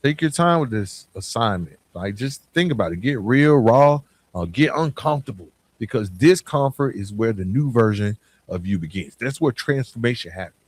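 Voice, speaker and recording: With a mid-range voice and no audible room sound, the American man hosting this podcast offers informal motivation, addressing the listener head-on and asking rhetorical questions.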